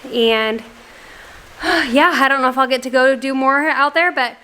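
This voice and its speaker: A woman's voice: sits high, unhurried, sharp tone, clear, resonant tone. A woman vlogging casually about her garden, chatty and rambling, now and then sighing. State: out of breath. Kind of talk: casual vlog talk to camera. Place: garage, storm outside.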